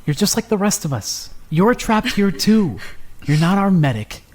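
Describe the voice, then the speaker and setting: A woman voicing a prickly, gruff teenage girl in a fan-made game; she talks bluntly and stammers when she gets flustered. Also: medium pitch, sing-song, moderate pace, darkish tone. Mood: firm. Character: prickly, gruff teenage girl who hides her kindness.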